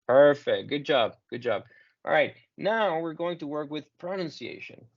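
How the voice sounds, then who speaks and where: A man teaching English in Spanish over a video call, patiently modeling each word slowly and clearly for his students. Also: fairly high pitch, lively intonation, lo-fi sound. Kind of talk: online class correcting pronunciation.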